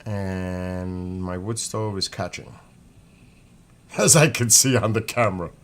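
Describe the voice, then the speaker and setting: A man with a low-pitched yet fairly bright voice speaks slowly in a New York accent as he casually hosts a livestream. He wanders in conversation, breaking off to read commenters' names and messages, with clear background noise and room ambience behind him.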